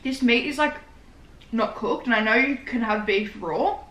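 A woman's voice: on the high side, moderate pace, fairly bright tone. A nineteen-year-old woman with an Australian accent chatting casually and slangily in a mukbang eating vlog, recorded in a living room. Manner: informal, slangy, rambling. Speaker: vlogger. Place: small living room, indoors. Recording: roomy indoor echo.

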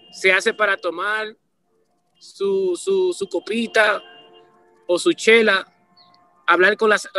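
Over a video call webcam, a high-pitched band leader in his forties chats casually in an interview as a musician guest. He comes from Puerto Rico and the Dominican Republic and speaks with a Caribbean Spanish accent. He is animated, frequently restarts, and keeps repeating "¿me entiendes?"

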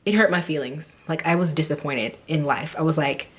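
A woman's voice: deep voice, brisk. A young adult woman vlogging casual beauty product reviews in a gushing, dramatic, playful way.

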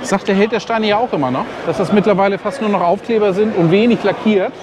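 A German vlogger with a high-pitched voice talks fast to his viewers while walking around a busy outdoor racetrack event, amid crowd and outdoor noise. His casual chatter often ends sentences with a questioning "ne?".

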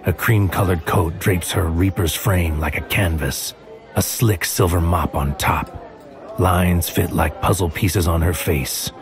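Music plays underneath as a man with a low voice performs the inner monologue of a paranoid hitman in a surreal audio drama. The mood is brooding and haunted, and his scripted noir narration is measured and poetic, often falling to a whisper.

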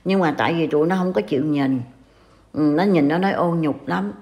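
A woman's voice: sits low, fairly quick, darkish tone. An older woman from Vietnam with a Southern Vietnamese accent, scolding and warning in a casual online talk. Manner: scolding, reproachful. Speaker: commentator.

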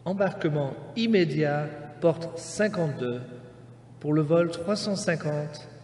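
Man announcer, slow and formal, over an airport PA in a big echoey hall with a long reverb tail and faint background noise. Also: fairly high pitch, a little mellow. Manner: measured, formal, carefully spaced phrasing. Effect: over an airport PA system. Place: airport terminal.

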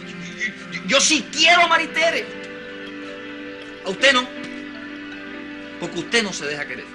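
A man's voice: very high-pitched, big pitch swings, takes it slowly, over music, exaggerated voice. An actor with a Cuban accent playing a stubborn, emotional stepfather who pleads and stammers. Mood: heartfelt. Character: stubborn, wounded, devoted stepfather. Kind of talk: telenovela acting.

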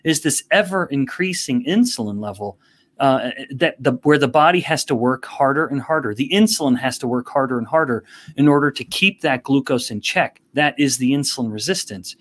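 A man speaking as a guest on a podcast interview. He explains in a measured, careful way at an ordinary pitch. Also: lively intonation. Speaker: guest expert.

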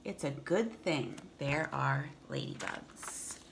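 In a low voice with vocal fry, a woman in her thirties reads a children's picture book slowly, like a teacher. She enunciates for young listeners and pauses to explain things. The setting is a room at home, with slight background noise.

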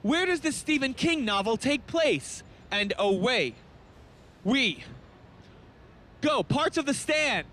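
A man in his thirties hosting a street game show, loudly badgering passers-by outdoors on a busy city street into a handheld mic. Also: extremely high pitch, big pitch swings, slow, pauses often, slight background noise. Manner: loud, frantic, badgering passers-by.

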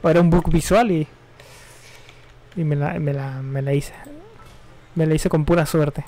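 Young male streamer, a touch high-pitched, loose and slangy, drifts between game and news. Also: fairly even intonation, unhurried, dark tone. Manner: rambling, offhand, slangy and self-correcting. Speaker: gaming streamer. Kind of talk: casual live-stream chat while gaming.

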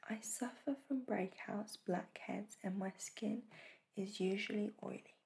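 A woman in a whispered role-play as a spa facial therapist, speaking in a soft, breathy whisper with a gentle, reassuring manner. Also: mid-range voice, steady tone, a little slow.

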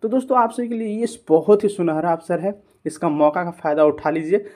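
A male YouTube channel host with a high-pitched, mellow voice moves briskly through a screen-recorded tutorial. Again and again he calls his viewers friends, asking and answering his own questions along the way.

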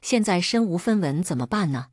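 A woman's voice: lowish voice, animated, fairly quick, darkish tone, slightly rough, dry recording, studio quality. A woman doing a cowardly young scoundrel. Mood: scheming. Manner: pleading, frightened.

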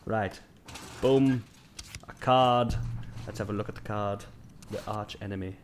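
Against background noise from game music and sound effects, a young game streamer rambles to himself with crude jokes. His voice is fairly low, his intonation fairly even, and his pace a little slow.

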